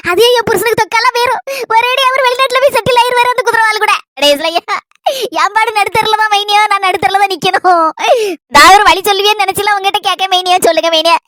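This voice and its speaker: A woman acting a village woman in a comedy skit, with a Kanyakumari Tamil accent, who pleads and scolds with animated energy. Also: extremely high pitch, fast talker. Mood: pleading. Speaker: skit actress.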